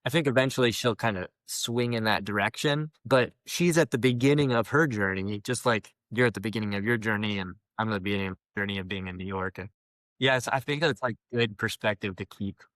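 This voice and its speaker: A man's voice: on the low side, brisk, a bit bright, dry recording, poor audio. A young man in his twenties giving earnest, reflective advice in a casual podcast conversation. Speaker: podcast co-host.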